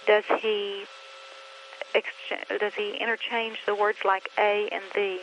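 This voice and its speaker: A middle-aged woman who trains teachers, talking earnestly and deliberately to parents about reading, pausing often and asking many questions. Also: mid-range voice, level tone, fairly bright tone, muffled recording, a little hiss or hum. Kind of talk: instructional talk to parents.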